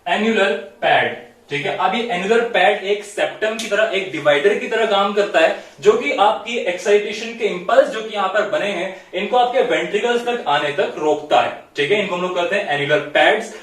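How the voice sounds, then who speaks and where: A man's voice: sits high, moderate pace, fairly bright tone. A man teaching a biology class at a whiteboard. He explains step by step, keeps checking in with the class and mixes English terms into his talk. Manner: explanatory, repeats "theek hai" often, mixes English terms. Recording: very echoey room, distant mic.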